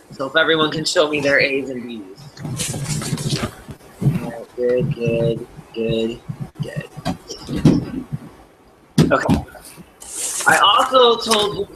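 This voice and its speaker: A man's voice: sits high, background noise. A man with a Wisconsin accent hosting a livestreamed game show in a casual, chatty way.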